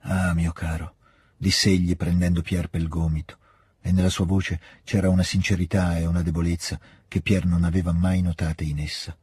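A male narrator giving a measured, expressive literary reading. His voice is very deep and husky, and the recording is dry and close. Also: no room sound. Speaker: audiobook reader.

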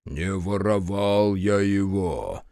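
Brief: man playing a gruff old winter spirit, drawn-out bass words. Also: lively intonation, darkish tone, no room sound, clean studio sound, full character voice. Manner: slow rumbling bass.

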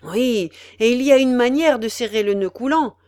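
A greedy male executioner haggles with haughty relish, his voice leaping high and loud, as a woman reader puts him on. The sound is dry and close. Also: normal speed, no echo, lightly acted. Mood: haggling.

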